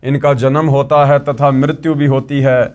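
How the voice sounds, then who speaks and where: A man's voice: medium pitch, little pitch movement, normal speed, darkish tone. A man narrating a religious story and preaching to his listeners, whom he addresses as brothers and sisters.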